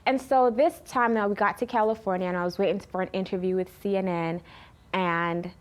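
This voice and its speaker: A woman in her thirties giving an earnest personal testimony in an interview, lively when she retells conversations. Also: medium pitch, a little fast. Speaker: interview guest.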